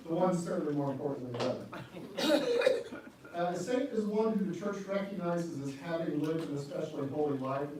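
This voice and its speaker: A man with a Brooklyn accent giving a casual, self-deprecating parish adult education lecture, full of ums and uhs. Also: on the high side. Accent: New York (Brooklyn). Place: church hall. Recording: echoey room from far off with noise.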